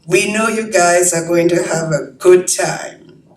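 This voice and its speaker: A woman reading the part of an easygoing local man who welcomes visitors, relaxed and friendly, in a roomy hall, heard from a distance. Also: on the low side, unhurried, natural voice. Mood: welcoming. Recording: roomy hall, mic from afar.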